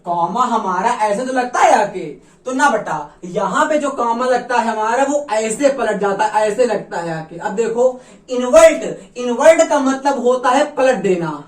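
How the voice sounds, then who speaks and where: A woman teaching English to a room of students, with a fairly high voice. She drills each point again and again and coaxes the class along, calling them "child". She sounds far from the mic, in a room that echoes. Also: expressive, unhurried. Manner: repetitive, coaxing, calls students "child". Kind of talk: classroom lecture.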